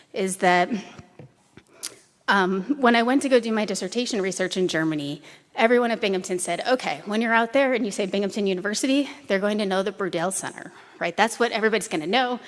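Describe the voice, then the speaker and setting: A woman in her forties giving a memorial tribute speech at a podium microphone, telling anecdotes with light humorous asides. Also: mid-range voice. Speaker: former doctoral student giving a tribute. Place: chamber concert hall. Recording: long hall reverb.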